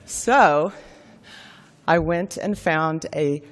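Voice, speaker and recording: A woman's voice: low-pitched, extremely slow, in a large hall. A woman giving a formal speech at a forum, gracious and earnest, telling a personal family story. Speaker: keynote speaker at a forum.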